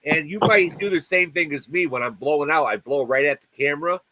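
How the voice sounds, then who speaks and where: A man's voice: on the high side, brisk, bright, forceful tone, a little hiss or hum, poor audio. A man in his sixties hosting a casual livestream chat from home on a video call, talking in a friendly, rambling way with many restarts. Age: 60s. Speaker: livestream host.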